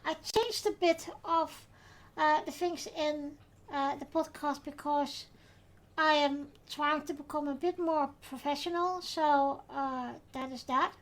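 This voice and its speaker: A Dutch woman with a notably high voice hosts a podcast in English, her second language, hesitating often and filling pauses with "uh" and "um." The casual chat feels relaxed, though the recording quality is low.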